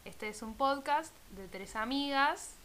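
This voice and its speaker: A woman's voice: sits high, lively intonation, unhurried, bright, forceful tone, slight background noise. A woman in her twenties with an Argentine accent, a cheeky podcast co-host who jokes and swears freely among friends. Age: 20s. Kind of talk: casual chat among friends.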